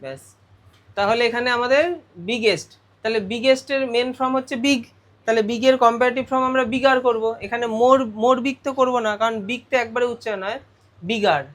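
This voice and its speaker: A man's voice: extremely high pitch, a little fast, a bit bright. A male teacher going through a grammar lesson step by step, often putting questions to his students. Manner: explains step by step, asks the class questions.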